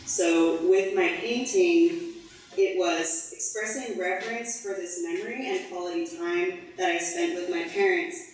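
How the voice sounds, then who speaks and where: Woman from baltimore presenting her painting, measured and thoughtful, lowish voice, distant and echoey. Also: fairly even intonation, slight background noise. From Baltimore, USA. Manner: thoughtful, measured, somewhat formal. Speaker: artist. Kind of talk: presenting an artwork at an artist talk. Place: gallery event space. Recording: echoey room, heard from far off.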